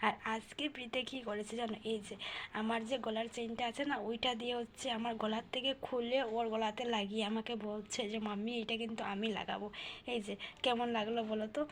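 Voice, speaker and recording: A young woman housewife vlogging to viewers from her phone at home at night, talking softly and hushed because her child is asleep. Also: a little high, flat delivery, brisk, a little hiss or hum. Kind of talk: casual vlog talk to viewers.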